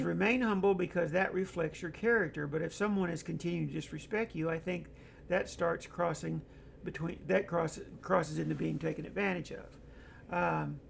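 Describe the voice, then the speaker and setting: Middle-aged male host, slightly high voice with heavy vocal fry, loose anecdotal chat, faint noise. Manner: rambling, anecdotal, many fillers. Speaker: host of an online discussion show. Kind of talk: casual talk reading viewer comments.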